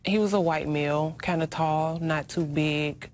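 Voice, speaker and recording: A woman's voice: deep voice, fairly even intonation, a little slow, a little mellow. A woman interviewed as an eyewitness, recounting what was seen in a plain, matter-of-fact way.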